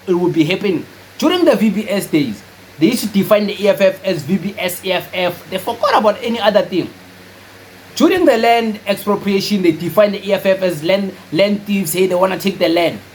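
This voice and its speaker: A man's voice: high voice, a little hiss or hum, poor audio. A young South African man giving casual, emphatic political commentary, repeating his points and slipping Zulu phrases into his speech. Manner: animated, repetitive and emphatic, mixes in Zulu phrases.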